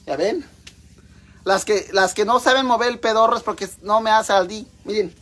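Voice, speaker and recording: A middle-aged woman with a Mexican Spanish accent hosts a crude, joking live-stream cooking chat from her home kitchen, calling her viewers sisters. Her voice is mid-range and a bit bright, at a normal speed.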